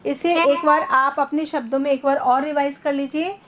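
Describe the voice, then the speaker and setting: Woman teacher, high voice, patient explainer, online lesson on a video call. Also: steady tone, normal speed. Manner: patient, explains step by step, asks students questions.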